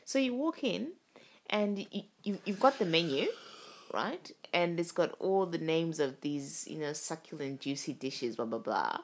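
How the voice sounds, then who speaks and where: Speaking in a low, expressive voice at a moderate pace, a young non-native English speaker co-hosts a loose, slightly drunk podcast. She wanders from topic to topic, curses and laughs often, recording at home while lying down.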